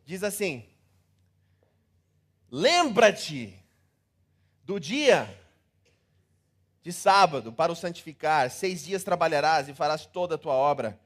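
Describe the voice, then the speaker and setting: A man with a Brazilian Portuguese accent preaching a sermon, theatrical and animated, acting out scenes and repeating words in rhythm. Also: fairly high pitch, takes it slowly, long pauses. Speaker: pastor.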